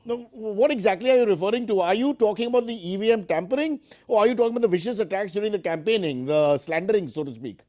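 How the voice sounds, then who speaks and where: A man's voice: high voice, fast, hardly any pauses, darkish tone. A man with an Indian accent hosting as a parody news anchor, mock-serious with sarcastic asides. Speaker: host of a news satire show.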